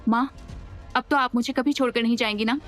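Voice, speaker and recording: A woman doing a young pregnant wife in an audio drama, her voice lifted noticeably higher than the narration. She sounds anguished and sharp, and accuses with every word. Soft music plays underneath. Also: steady tone, brisk, natural voice. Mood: distressed. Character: young pregnant woman, frightened then furious.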